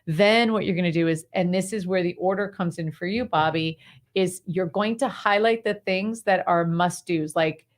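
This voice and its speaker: A woman guest on an interview show explains her method and tells stories in a lively, breezy way. Her voice sits a little low for a woman. She speaks casually and leans on fillers as she talks. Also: moderate pace. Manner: animated, breezy storyteller using many fillers like "like" and "right". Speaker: clarity coach guest. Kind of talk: interview conversation, giving advice.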